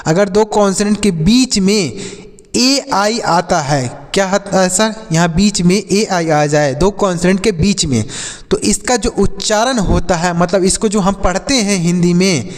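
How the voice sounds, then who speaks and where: A high-pitched man leads a classroom-style reading lesson, asking questions and answering them himself as he goes. His voice carries a long, ringing echo from the room. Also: measured pace. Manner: addresses viewers as dear children. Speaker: English teacher.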